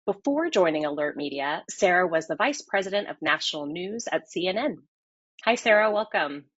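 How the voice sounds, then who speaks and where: A woman's voice: on the low side, animated, moderate pace, fairly bright tone, no room sound. A woman moderating a business webinar, introducing speakers and running polls in an upbeat, scripted way. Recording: slightly dull, dry audio.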